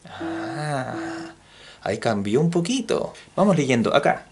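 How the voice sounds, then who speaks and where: A Chilean man teaching music theory in a playful video lesson, joking as he goes and counting beats out loud. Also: medium pitch, slow, gravelly. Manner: jokey, animated, counts beats aloud.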